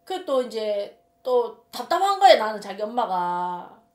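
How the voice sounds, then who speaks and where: A woman's voice: fairly high pitch, sing-song, measured pace, a little mellow. A woman shaman with a Gyeongsang Korean accent telling a story in casual monologue, emphatic and rambling, often repeating her words. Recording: roomy echo.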